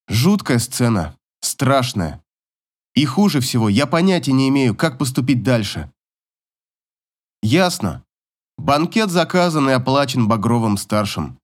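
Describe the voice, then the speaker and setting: Man narrating an emotional audiobook. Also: medium pitch. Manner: emotional, dramatic. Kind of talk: first-person story narration.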